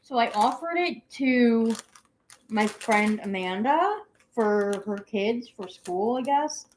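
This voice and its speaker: A woman's voice: fairly high pitch, animated, takes it slowly, slight background noise. A young adult woman hosting a casual home livestream, rambling as she reads viewer comments aloud. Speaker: guinea pig channel host. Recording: echoey room.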